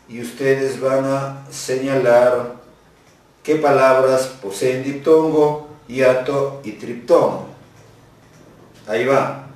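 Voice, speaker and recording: A man teaching a grammar lesson, speaking slowly and deliberately and repeating words for dictation. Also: mid-range voice, a little mellow. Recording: very echoey, distant mic.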